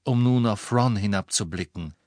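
A man reading an audiobook as narrator, telling the story in a measured, dramatic way. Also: lowish voice, a little mellow, no echo. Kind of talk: scripted narration.

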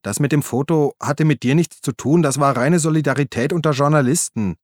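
A man's voice: on the high side, a little fast, no echo, clean studio sound, voice pushed up, close to an everyday voice. A man voicing a pushy, apologetic male journalist friend in an audiobook, eager and coaxing. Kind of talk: audiobook reading.

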